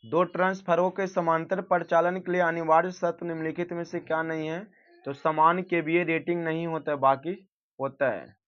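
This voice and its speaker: Male teacher, fairly high voice, reads questions and gives answers for exam practice, dull lo-fi audio. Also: little pitch movement, moderate pace. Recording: dull lo-fi recording.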